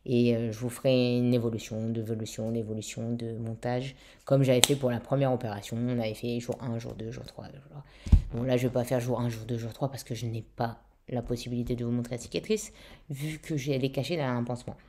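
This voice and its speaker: A woman's voice: very deep voice, level tone, brisk, noisy background. A young woman chatting casually in a vlog, swearing freely and using lots of fillers, her throat still a little weak. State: throat slightly weak after intubation. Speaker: vlogger.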